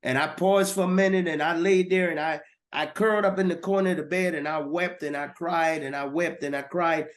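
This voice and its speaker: A man's voice: on the high side, fairly even intonation, brisk. A man giving a personal testimony as a guest, earnest and repeating words as he goes.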